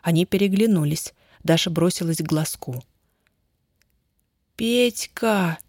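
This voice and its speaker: Woman, audiobook narrator, measured reading, middle pitch, dry recording. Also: lively intonation, a little mellow, no echo. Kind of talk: scripted narration.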